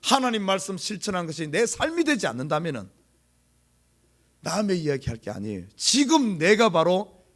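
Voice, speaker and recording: A man's voice: sits high, big pitch swings, moderate pace, a bit bright. A middle-aged male pastor with a Gyeongsang accent preaching an early-morning sermon, repeating key words for stress and putting rhetorical questions to the congregation. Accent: Gyeongsang Korean. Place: church sanctuary.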